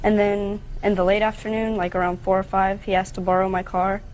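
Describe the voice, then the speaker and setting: A woman's voice: medium pitch, little pitch movement, fairly quick, darkish tone, slight background noise, low-quality recording. A young woman giving testimony and answering questions in court.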